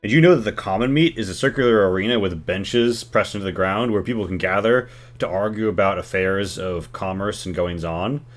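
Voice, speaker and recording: A man improvising narration as game master of a tabletop game, casual and colloquial, pausing as he describes. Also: fairly low pitch, faint music behind.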